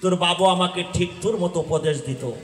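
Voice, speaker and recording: A man's voice: high voice, a little fast, lightly acted. A man voicing a proud but remorseful demon king, older uncle figure, declaiming. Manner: declaiming, shouting. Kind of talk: folk religious drama recitation. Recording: echoey hall sound.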